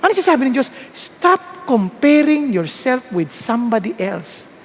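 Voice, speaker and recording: A man from the Philippines with a Filipino accent, preaching an animated, joking sermon that switches between Tagalog and English. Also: extremely high pitch, moderate pace, in a large hall, a little hiss or hum. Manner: animated, joking, self-mocking. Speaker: pastor.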